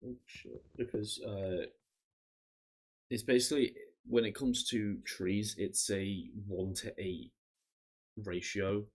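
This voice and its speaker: A man streaming a game, chatting casually and rambling with frequent restarts, his voice tired and going hoarse. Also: fairly low pitch, steady tone, slow, long pauses. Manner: rambling, self-interrupting, swears casually. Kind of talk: casual gameplay chat.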